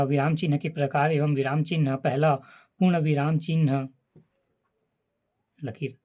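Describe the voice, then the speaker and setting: Slow, halting man reading grammar notes. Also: on the high side, darkish tone. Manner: halting, many filler sounds and restarts. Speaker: teacher reading a grammar book. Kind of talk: reading a grammar chapter aloud.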